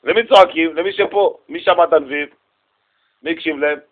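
A man teaches a Bible lesson in a classroom, talking in a lively way and acting out what the people in his story say. His voice sits fairly high. The recording is dull and muffled. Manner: lively, animated, acts out quotes. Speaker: religious teacher.

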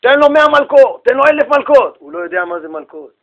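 A man's voice: very high-pitched, very animated, muffled recording, pitched above the performer's own voice, exaggerated voice. A man voicing a shrewd old sage explaining himself firmly to a king. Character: shrewd older male sage, calm and confident.

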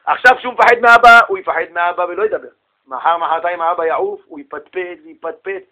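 Bright-voiced man teaching a religious lesson. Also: high-pitched, rough recording. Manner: animated storytelling, acts out quoted voices; rhetorical questions to the audience. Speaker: Torah teacher.

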